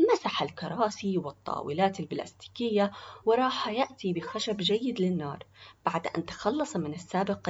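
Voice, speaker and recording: A woman narrates a scripted story in a soft, hushed way, at times nearly whispering. Her voice is breathy and husky, and the recording sounds dull and lo-fi. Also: on the low side.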